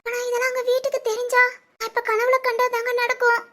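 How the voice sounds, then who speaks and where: A woman's voice: very high-pitched, little pitch movement, fast talker, fairly bright tone. A woman playing a frightened young pregnant wife who stammers and hesitates in a village family drama. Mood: fearful.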